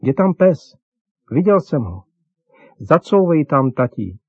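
Man doing an eager, excited little boy. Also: on the high side, breathy edge, no room sound, voice pushed up, exaggerated voice. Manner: eager, exclaiming. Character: excited little boy, insistent younger brother. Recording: dull lo-fi dry recording.

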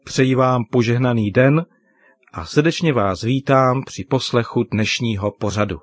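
Gentle man telling children a Bible story. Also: medium pitch. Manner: warm, gentle, instructive. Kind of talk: scripted storytelling and devotional address to children.

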